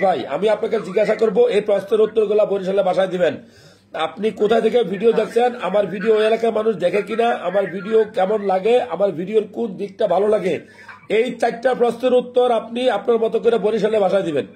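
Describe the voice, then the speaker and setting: A man hosting a casual live call-in stream, friendly and laughing often, slowly repeating phone numbers to viewers. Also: high-pitched, warm tone.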